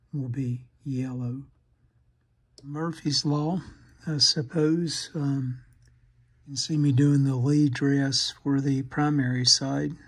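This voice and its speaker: The host of a radio repair channel narrates a hands-on repair at an indoor bench, thinking aloud haltingly as he works. His voice is medium-pitched and slightly rough.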